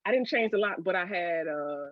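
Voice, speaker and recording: A woman guest telling her story, expressive and emphatic, laughing often. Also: on the low side, fairly quick, dry recording. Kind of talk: casual storytelling conversation. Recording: slightly dull, dry sound.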